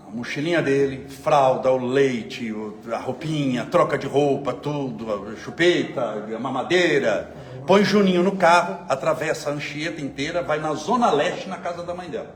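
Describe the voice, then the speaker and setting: Animated man lecturing in an echoey hall. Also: on the high side. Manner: conversational, animated storytelling with rhetorical questions. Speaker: spiritist lecturer. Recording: echoey room, faint ambient noise.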